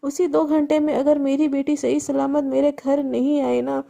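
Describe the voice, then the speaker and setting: A woman's voice: high-pitched, little pitch movement, moderate pace, gravelly, mellow. A woman voicing a panicked middle-aged father who threatens his daughter's kidnapper. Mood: frantic.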